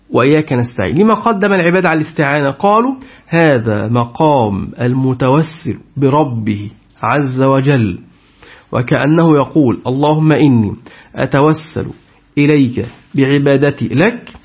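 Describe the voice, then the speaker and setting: A man giving a Quran tafsir lesson, putting questions to his class and repeating their answers. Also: medium pitch. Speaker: Quran teacher. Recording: dull lo-fi recording.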